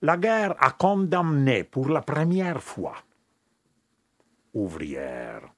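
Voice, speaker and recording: A man with an Italian accent, a historian explaining events in an interview, emphatic and halting with fillers. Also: fairly high pitch, very animated, fairly bright tone, dry recording.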